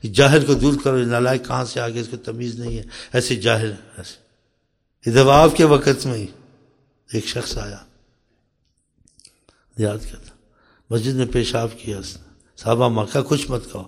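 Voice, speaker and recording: A man preaching a storytelling sermon who speaks straight to his listeners, asks them rhetorical questions and often drops into soft, quiet asides. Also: medium pitch, fairly even intonation, pauses often. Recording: long hall reverb.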